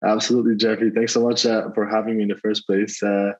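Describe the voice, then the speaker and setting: A man, a venture investor chatting as an interview guest, relaxed and rambling with many fillers and restarts. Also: fairly low pitch, quick pace. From Germany. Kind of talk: casual interview over a call. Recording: dull lo-fi call audio.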